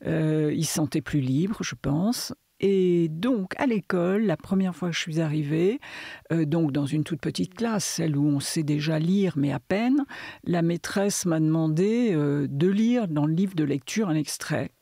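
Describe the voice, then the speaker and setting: Older woman, Parisian French accent, gravelly voice, dry close sound, reflective guest. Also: low-pitched, mellow, no room sound. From southern France, Catalan area. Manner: measured, thoughtful, hesitant fillers. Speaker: writer, interview guest. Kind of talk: reflective conversation.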